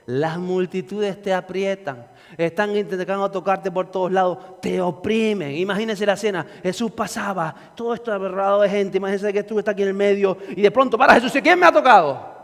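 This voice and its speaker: Male preacher, fervent and repetitive, very high voice, echoing church hall. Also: fairly even intonation, fairly quick. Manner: fervent, repetitive, rising to shouts. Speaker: pastor. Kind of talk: sermon.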